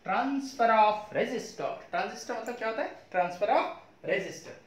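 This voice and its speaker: A man's voice: high voice, lively intonation, slow. A man teaching physics in a lecture, often asking his students questions and mixing English terms into his talk. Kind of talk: classroom lecture. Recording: echoey room.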